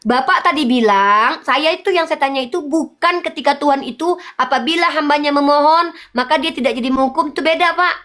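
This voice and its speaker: A woman's voice: high voice, fairly quick, hardly any pauses, a bit bright. A woman arguing in a heated debate, lecturing insistently and pressing the same questions again and again.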